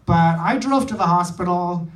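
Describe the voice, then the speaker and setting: His voice is high, with lively intonation and a moderate pace, as this Indian man performs stand-up in a small theater. The jokes come in short, dry, self-mocking phrases. Expect an echoey room, a far-off mic and heavy noise.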